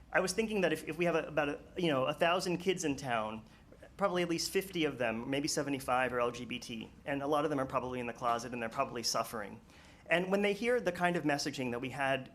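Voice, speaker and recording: A man giving a public comment at a town meeting, earnest and a little nervous, halting with many fillers. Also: medium pitch, fairly bright tone, slight background noise.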